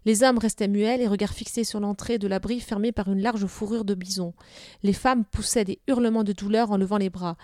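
A woman narrating a children's novel aloud in a steady, even storytelling manner. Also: mid-range voice, fairly quick, no echo, studio quality.

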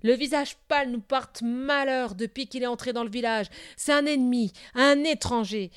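Lady doing a nasty shouting old shaman, high-ish voice, dry recording. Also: moderate pace, smooth, no echo, close to an everyday voice. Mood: accusing. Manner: shouting accusations.

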